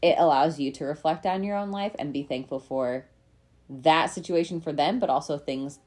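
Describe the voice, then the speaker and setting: A young woman co-hosting a casual book podcast, animated and teasing. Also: low voice, moderate pace. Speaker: podcast co-host. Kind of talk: casual chat about books.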